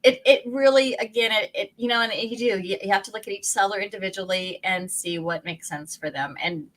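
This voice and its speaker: A woman's voice: medium pitch, brisk, a bit bright, rough recording. A woman co-hosting a real estate podcast, talking casually in a rambling way with frequent restarts and laughter, with a Pacific Northwest American accent. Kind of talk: casual chat.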